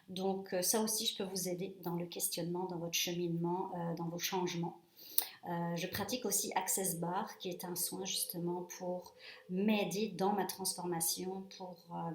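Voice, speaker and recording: A woman in her forties, from France, talks to camera about her work in a relaxed, halting way, filling gaps with little hesitations. Her voice sits a little low. The room around her is noticeably echoey. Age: 40s. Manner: relaxed, hesitant with frequent fillers. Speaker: reflexologist presenting her practice. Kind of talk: casual self-introduction to camera.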